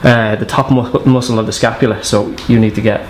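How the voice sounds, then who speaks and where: A man's voice: lowish voice, fairly even intonation, a little fast. A young man working as a sports massage therapist, explaining things casually. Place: small treatment room, indoors. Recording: echoey room with background noise.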